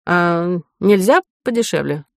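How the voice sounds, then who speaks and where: A woman voicing a petty, suspicious old male professor who speaks in a shrill, whiny tone like an offended child. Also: animated, unhurried, creaky, no echo, clean studio sound. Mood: peevish.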